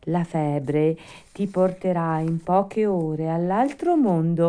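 Casting: woman as a kind motherly fairy, soft and coaxing, slow, storybook. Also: on the low side, clean tone, pitched above the performer's own voice. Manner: gentle, coaxing.

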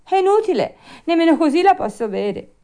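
Casting: woman doing a petulant puppet boy, shrill, loud, storybook reading. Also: very animated, fairly quick, full character voice. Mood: whiny. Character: whiny stubborn wooden puppet boy.

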